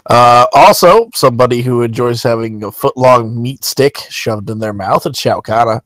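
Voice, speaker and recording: A man's voice: mid-range voice, normal speed, fairly bright tone, no room sound, rough recording. A man hosting a wrestling news podcast, reading news and teasing his co-hosts in joking banter. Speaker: podcast host. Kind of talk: casual podcast chat.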